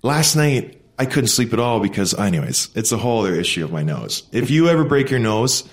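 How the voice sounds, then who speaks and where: A man's voice: mid-range voice, very animated, fairly quick. A man chatting casually and telling rambling stories, breathing through his mouth because of a broken, blocked nose. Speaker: podcast co-host, former pro hockey player. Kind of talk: casual chat, personal storytelling.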